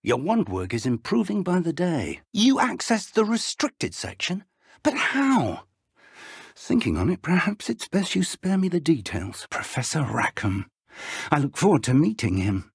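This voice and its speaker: An old British wizard professor from a fantasy video game. His voice is husky and gravelly, recorded close and dry. He speaks as a protective mentor, courteous and earnest, in measured, formal phrases. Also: on the high side, huge pitch swings, dry recording, full character voice. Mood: concerned, startled. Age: older. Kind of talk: scripted video game dialogue.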